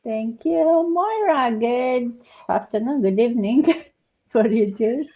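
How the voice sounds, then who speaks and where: A woman from Romania hosting a live online panel chat, talking warmly with many fillers and restarts. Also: fairly high pitch, expressive, slow pace, highs cut off. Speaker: host.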